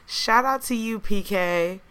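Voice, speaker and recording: An American woman co-hosting a casual podcast, telling stories in a candid, slangy way, her voice hoarse with a smoker's rasp. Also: medium pitch, takes it slowly, sharp tone. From United States. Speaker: podcast co-host. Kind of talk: casual chat and storytelling.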